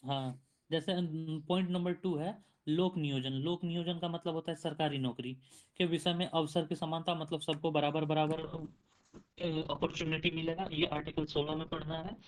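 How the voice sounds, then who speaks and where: A man reading out and explaining study notes in a halting way over a video call, his mic clipping and his voice breaking up. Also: on the high side, steady tone. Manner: halting, with frequent restarts. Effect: clipping, distorted, breaking mic audio. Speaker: student in an online study group. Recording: dull lo-fi distorted call audio.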